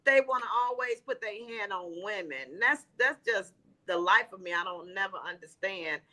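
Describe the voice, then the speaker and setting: A woman speaking on a roundtable panel in a sharp, tense voice. She is blunt and indignant in her remarks. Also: medium pitch, expressive, moderate pace. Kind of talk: roundtable discussion.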